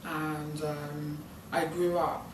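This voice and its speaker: Speaking very slowly in a low, flat voice, a nineteen-year-old British woman answers interview questions as a student intern. Her first language is British Sign Language, and her replies are hesitant and rambling, thick with ums and likes. The audio comes from a distant mic in an echoey room with background noise.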